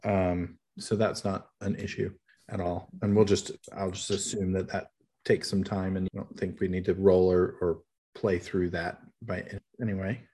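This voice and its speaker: A man's voice: sits low, level tone, moderate pace, warm tone, slightly rough. A man recapping and running a tabletop game as game master, talking in a rambling, hesitant way with many fillers.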